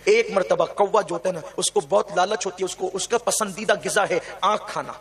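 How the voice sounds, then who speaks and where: A man preaching a devotional sermon, telling stories with passion and asking the audience rhetorical questions. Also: high voice.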